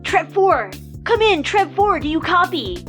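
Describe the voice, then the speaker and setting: A woman voicing a small, chirpy young character with a pixie-like squeak in a tabletop role-play game. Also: big pitch swings, measured pace, a bit bright, faint music behind, heavily acted. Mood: urgent.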